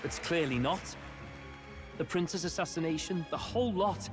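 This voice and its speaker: A man's voice: fairly high pitch, moderate pace, natural voice. An actor playing a bitter, indignant male onlooker in a video game drama. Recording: background music.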